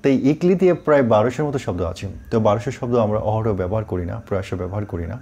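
A middle-aged man who teaches English, explaining pronunciation and spelling words out slowly, mixing English words into his talk. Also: fairly low pitch, lively intonation, a little mellow. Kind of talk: online pronunciation lesson.

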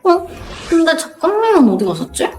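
Lively, nagging actress playing young woman friend. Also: very high voice, normal speed, reverberant, faint music behind. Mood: exasperated, fussing. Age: young adult. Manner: nagging, expressive. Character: exasperated, loyal young woman minding her drunk friend. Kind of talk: audio drama acting.

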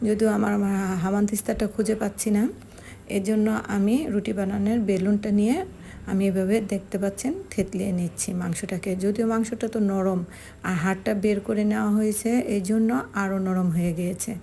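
A woman, slowly explaining a home cooking recipe step by step as a channel host. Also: medium pitch, level tone, gravelly, dark tone, slight background noise. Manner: slow, step-by-step explaining with fillers. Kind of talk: home cooking tutorial narration.

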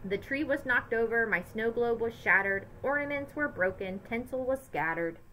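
Bright, expressive woman reading aloud. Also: fairly high pitch, normal speed, a little hiss or hum, poor audio. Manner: lively, expressive storytelling. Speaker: teacher. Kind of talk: reading a picture book aloud to children.

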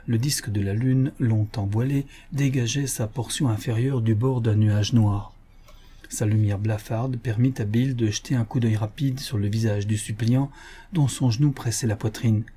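Man, audiobook reader, scripted narration, measured, husky, mid pitch. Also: mellow.

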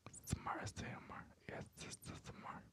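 A man's voice: quick pace, natural voice. A man doing a whispered ASMR parody. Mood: playful. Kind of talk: whispered role-play.

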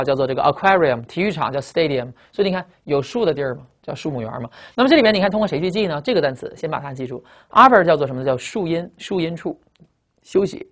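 A man's voice: on the high side, a bit bright. A man teaching English vocabulary in a lecture, repeating key words and asking rhetorical questions.

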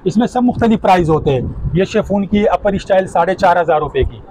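A man, a shopkeeper showing clothes and briskly repeating prices on a lapel mic in a crowded market shop. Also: sits high, lively intonation, a little mellow, slight background noise. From Pakistan. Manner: brisk, repetitive price listing. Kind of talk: showing goods and quoting prices.

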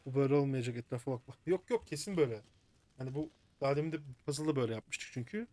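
A man's voice: mid-range voice, very fast, darkish tone, no echo. A man commentating his own video game play, muttering to himself in frustration as he works through a puzzle. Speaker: gaming streamer.

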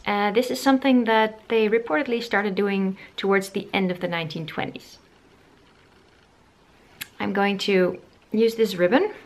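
Her mid-range voice moves at a normal pace, broken by frequent pauses. This thirty-something sewing vlogger chats to camera in her living room while demonstrating a craft project, wondering aloud and making fun of her skills.

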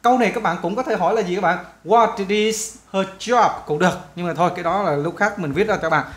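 A man teaching English to schoolchildren in a casual, chatty walkthrough, often repeating phrases and spelling out English questions slowly; his first language is Vietnamese. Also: sits high.

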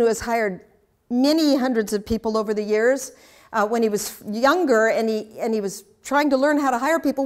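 Chatty older woman teaching a class. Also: on the high side. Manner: chatty, anecdotal, with humorous asides. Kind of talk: interactive talk with audience questions.

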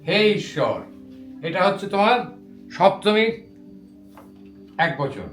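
Guy teaching class, pretty high voice, recites forms slowly and patiently, roomy echo, soft music under it. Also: sing-song. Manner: patient, instructive, slow drilled recitation of word forms. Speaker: Sanskrit teacher. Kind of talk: classroom grammar lesson.

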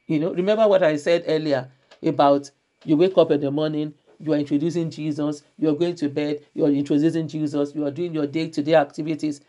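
A woman's voice: sits low, fairly even intonation, fast talker, warm tone. A woman pastor preaching a church sermon, repeating her key phrases emphatically and reading scripture aloud.

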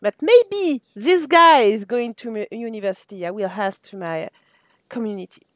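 A French woman streaming a life-sim game live, chatting with her viewers and fondly talking to her characters, sometimes switching into halting English with a French accent. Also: fairly high pitch, expressive, a bit bright, no room sound. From France.

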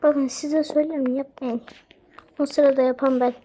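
Excitable high-voiced young woman gamer. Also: normal speed. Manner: excitable, squeals and cries out in delight. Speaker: gaming channel host. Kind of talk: casual game commentary.

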